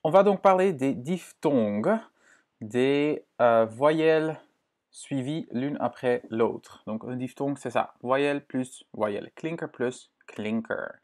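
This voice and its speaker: Slow, patient male language teacher. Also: mid-range voice, a little mellow. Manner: slow, patient, with many fillers and checks like "hein?" and "ok?"; repeats words slowly and carefully to model pronunciation. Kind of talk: online language lesson.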